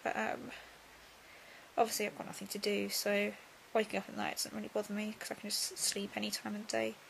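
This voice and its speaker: A young woman talking casually in a video diary, subdued and drowsy as she recovers from surgery, her voice creaky and breaking into breath. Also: mid-range voice, monotone, brisk, slight background noise, low-quality recording. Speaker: vlogger.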